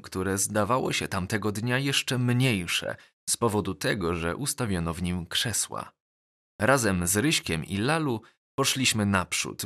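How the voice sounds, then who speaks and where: A male audiobook narrator telling a novel in first person. He reads slowly and deliberately, his lowish voice carrying a bright, clear edge. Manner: measured, deliberate reading.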